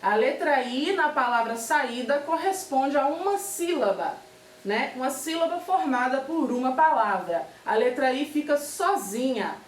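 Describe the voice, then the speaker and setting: High-voiced teacher, slow and patient. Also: female voice, animated. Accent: Brazilian Portuguese. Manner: patient, spells out examples, frequent "ok?" checks. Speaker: primary school teacher. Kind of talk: remote class lesson. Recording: echoey room, far from mic.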